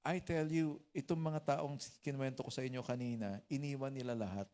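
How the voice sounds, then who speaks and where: A man's voice: medium pitch, fairly even intonation, a little fast, warm tone. A man with a Filipino accent preaching a sermon as pastor, mixing teaching with humorous stories and joking asides.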